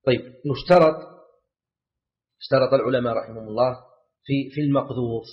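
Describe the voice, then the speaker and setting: A man's voice: medium pitch, a little fast. A man teaching a class on a legal text, often repeating key words and asking his students questions. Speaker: Islamic scholar teaching a class. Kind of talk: lecture commentary on a legal text. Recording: dull lo-fi lecture recording.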